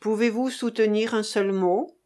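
A woman's voice: fairly high pitch, fairly even intonation, unhurried, warm tone, lightly acted. A woman reading an audiobook, voicing a frightened young man who speaks in curt, clipped lines. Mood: tense. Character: young man, frightened but feigning calm.

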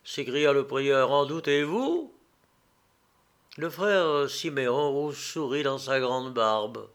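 Un homme qui lit à voix haute un conte littéraire, posément, avec quelques hésitations. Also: male voice, medium pitch, a bit bright, clear, resonant tone. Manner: measured, unhurried, a few fillers. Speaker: reader. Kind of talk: reading a literary tale aloud.

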